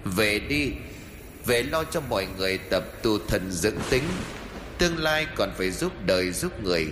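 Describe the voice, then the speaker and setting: A man voicing a solemn disembodied immortal sage who admonishes, speaking softly in a horror story. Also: lowish voice, expressive, moderate pace, roomy sound, big-room sound, background noise, lightly acted. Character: stern disembodied immortal sage's voice.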